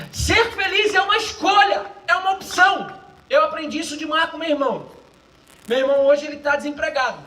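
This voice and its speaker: A man pastor preaching a sermon in a cinema hall, swinging between shouted lines and quiet asides. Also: very high-pitched, distant mic. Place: cinema auditorium used for a church service.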